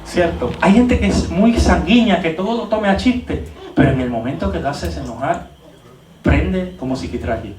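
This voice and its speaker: A man preaching at a leadership training in a church hall, animated, with many rhetorical questions and repeated words. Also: fairly high pitch, normal speed, recorded from a distance, slight background noise. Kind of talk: church teaching talk.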